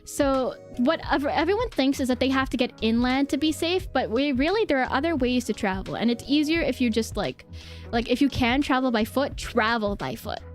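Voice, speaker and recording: High female voice, livestream host, casual explainer, informal, giggly, repeats phrases, music in background. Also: lively intonation, normal speed.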